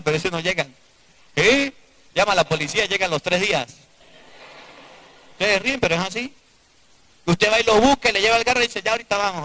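Male priest, sermon to a live congregation; bright, forceful tone, drops to a hush between emphatic questions. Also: sits high, rough recording. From Venezuela. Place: church before a live congregation.

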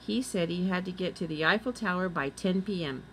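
A woman reading the part of an old male night watchman in a storybook, courteous and measured. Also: on the low side, slight background noise, natural voice, rough recording. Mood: polite.

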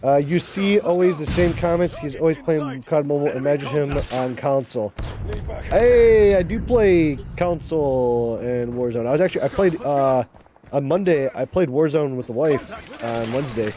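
A man live-streaming a mobile shooter, chatting casually and excitedly urging his viewers, often repeating himself. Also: medium pitch, fairly quick, noisy background.

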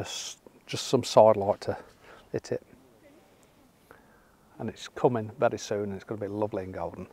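A middle-aged man on a beach, talking casually about his landscape photography, enthusiastic and sometimes dropping to a soft hush. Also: fairly low pitch. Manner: enthusiastic, drifting to soft hushed remarks. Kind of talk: casual vlog narration. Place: open sandy beach outdoors at sunset.

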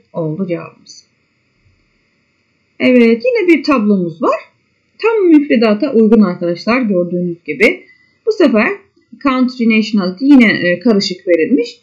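A woman teacher working through a worksheet with children, step by step. She reads English words with a high lift, then gives their meaning, and keeps checking back with her pupils. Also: a little mellow. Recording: dull lo-fi sound.

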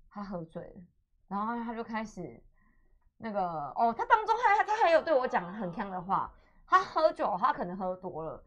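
A young woman with a Taiwanese Mandarin accent, hosting a radio chat and telling stories with acted-out dialogue and laughter. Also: medium pitch. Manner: animated storyteller, acts out dialogue, laughs often. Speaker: radio host. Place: radio studio.

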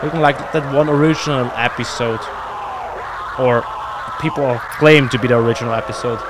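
In his home gaming room, a young man hosting YouTube reactions talks briskly into a close, boom-mounted desk microphone. His mid-range voice keeps a fairly even intonation while he swears and exclaims casually, with noise in the background.

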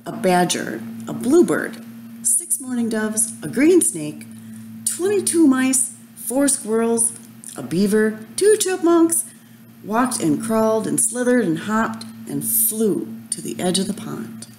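A woman reading a children's storybook aloud in a gentle, measured way. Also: a little high, sing-song, a little hiss or hum, low-quality recording.

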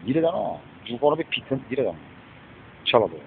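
A man's voice: medium pitch, sing-song, brisk, slight background noise. A man speaking with a Korean accent in an angry, rambling rant. He curses a lot and keeps tagging his lines with a challenging "eh?". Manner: cursing, mixing Korean and English, constant "eh?" tags. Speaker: street preacher-style ranter. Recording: dull lo-fi recording.

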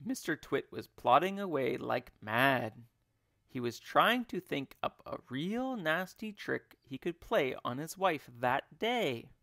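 A man who teaches English, reading a children's book aloud in an expressive, deliberate way. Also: a little high, vocal fry, no echo, clean studio sound. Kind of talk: children's read-aloud storytelling.

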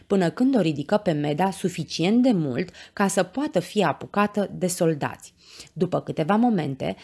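A woman reading a children's bedtime story aloud, with expressive, animated narration. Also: lowish voice, gravelly, breathy edge.

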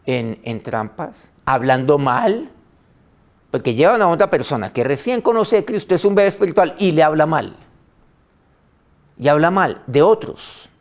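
A man preaching a sermon, reading scripture aloud with emphasis, slowing on key phrases and letting line ends trail off softly. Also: mid-range voice. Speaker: pastor.

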